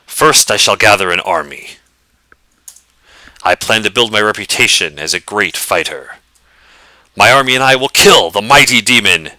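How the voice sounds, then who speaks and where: A man's voice: lowish voice, pushed and bright, no room sound, exaggerated voice. A man voicing a boastful mercenary baron. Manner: boastful, blunt.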